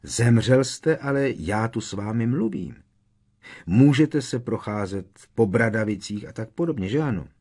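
A man's voice: fairly low pitch, sing-song, slightly rough. A man voicing an agitated teenage boy wizard who presses with urgent, pleading questions in an audiobook. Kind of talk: audiobook character reading.

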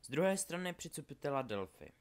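A man narrating a storybook aloud in an expressive reading style. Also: fairly high pitch. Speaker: audiobook narrator.

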